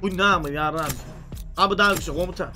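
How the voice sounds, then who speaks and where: A man streaming a shooter game, chatting excitably and cursing, sometimes yelling into voice chat. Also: sits high, rapid-fire, music in the background. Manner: excitable, swears a lot, yells greetings into voice chat. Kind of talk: casual gaming commentary.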